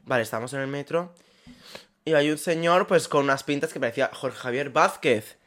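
A young man, co-hosting a casual podcast and telling stories in an animated way, laughing often. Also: fairly high pitch, brisk. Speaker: podcast co-host. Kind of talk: casual chat.

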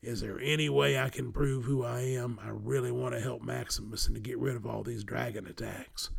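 A man's voice: mid-range voice, steady tone, brisk, creaky. A man reading a storybook and voicing a friendly, earnest, good-humored male monster in a plain storybook delivery. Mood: pleading.

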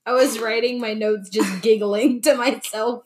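A young woman runs a playful quiz in a relaxed chat. Her voice is slightly high, and she laughs easily at her own jokes as she reads out the options. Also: a little slow. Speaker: podcast co-host, quiz asker. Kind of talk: casual trivia chat.

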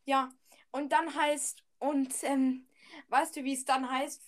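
A woman's voice: sits high, little pitch movement, slow. A woman chatting casually on a podcast, giggly and hesitant.

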